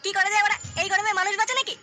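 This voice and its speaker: A cocky cartoon village boy who swears in every breath and coaxes his friend along, as a performer voices him. The voice is sped-up and very high, rattling out words at top speed. Loud background noise and birdsong sit under him. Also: fairly even intonation, rapid-fire. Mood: grumbling. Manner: swears constantly, coaxing and teasing. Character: foul-mouthed village boy, cocky and pushy.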